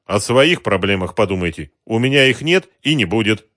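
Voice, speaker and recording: A man voicing a stubborn, hot-tempered shopkeeper who shouts back at gangsters. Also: lowish voice, expressive, moderate pace, no room sound, studio quality, pitched above the performer's own voice. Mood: tense, defiant. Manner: defiant, shouting.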